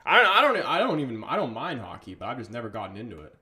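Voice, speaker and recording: This livestream host, a chatty man from England, streams a match with casual live commentary and chat, reading out viewer comments and swearing casually. His mid-range voice races along with huge pitch swings, sounding pushed and bright.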